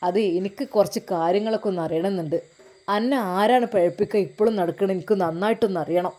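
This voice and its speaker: A woman voicing an angry, stern middle-aged father who shouts accusations and threats. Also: mid-range voice, fast, voice pushed down, lightly acted.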